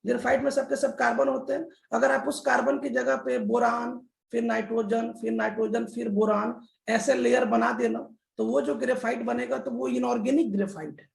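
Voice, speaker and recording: A man's voice: extremely high pitch, fairly even intonation, moderate pace, gravelly, hardly any pauses. A man teaching a chemistry lesson in a classroom style, repeating key terms and often addressing the children. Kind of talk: classroom lecture. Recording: echoey room.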